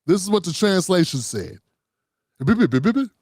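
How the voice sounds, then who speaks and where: A man's voice: high voice, big pitch swings, normal speed, a little mellow, dry recording, clean studio sound. A man hosting his own commentary show, talking loosely and profanely, rambling and calling his viewers "fam". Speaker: host. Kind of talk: casual political commentary monologue.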